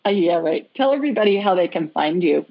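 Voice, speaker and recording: A woman hosting a podcast, chatty and upbeat, taking callers and making quick jokes. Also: lowish voice, expressive, highs cut off. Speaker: podcast host. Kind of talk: casual chat.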